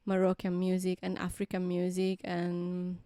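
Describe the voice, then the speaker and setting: A woman with a Spanish accent chats casually to her live-stream viewers, often stopping and restarting her sentences. Her voice is smooth and clear, and the close recording is dry, with no room sound. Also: fairly low pitch, completely flat delivery, mellow, no room sound. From Granada, southern Spain. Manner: halting, restarts often, filler-heavy. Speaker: singer-songwriter hosting a live stream.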